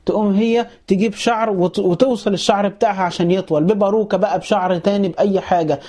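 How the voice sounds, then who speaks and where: A man with an Egyptian accent giving a Quran commentary lesson, asking questions and answering them himself and reciting verses slowly before explaining them. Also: sits high, fairly even intonation, warm tone. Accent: Egyptian Arabic. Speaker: Quran teacher.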